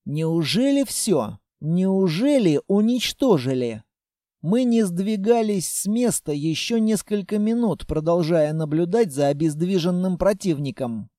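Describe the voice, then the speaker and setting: Male audiobook reader, high-pitched, slow, first-person narration. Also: expressive, warm tone, no room sound, clean studio sound.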